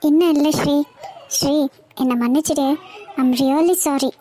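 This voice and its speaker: A woman's voice: high-pitched, steady tone, a little slow, warm tone. A woman voicing a remorseful young college girl in a cartoon, who pleads and apologizes. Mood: apologetic.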